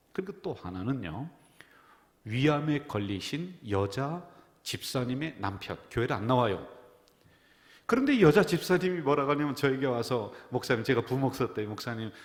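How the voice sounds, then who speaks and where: A middle-aged man preaching a sermon as pastor, telling stories and swinging from near-whispers to loud emphasis. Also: medium pitch. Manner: storytelling, dropping to a whisper and rising for emphasis. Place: church sanctuary. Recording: church hall reverb.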